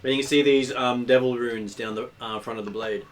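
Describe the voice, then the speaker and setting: A man narrating a tabletop game as game master, improvising descriptions in halting pieces. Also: mid-range voice, fairly even intonation.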